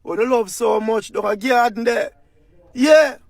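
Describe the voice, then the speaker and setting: A man's voice: very high voice, measured pace, gravelly, no echo. A man with a Jamaican accent delivering an impassioned political commentary rant in heavy patois, full of rhetorical questions.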